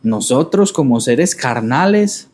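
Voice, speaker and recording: A man in a reflective conversation, speaking at an ordinary middle pitch. He talks thoughtfully and haltingly, restarting phrases and circling back to his words before he goes on. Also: lively intonation, darkish tone. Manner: thoughtful, halting, repeats words while searching. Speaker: podcast host.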